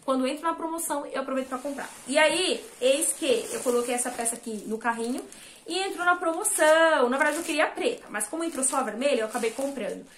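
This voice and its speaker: A woman's voice: sits high, fast, slight background noise. A woman in her thirties from Brazil, a fashion vlogger chatting casually about her shopping haul in a small room at home. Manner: chatty, lively, showing clothes to viewers. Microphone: camera at a short distance, then phone held at a mirror.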